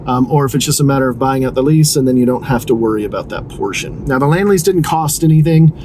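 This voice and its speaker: A fast-talking man with a dark, mid-range voice casually guides a real estate driving tour from a moving car. He's chatty and self-deprecating, tossing in jokes, while car road noise hums in the background.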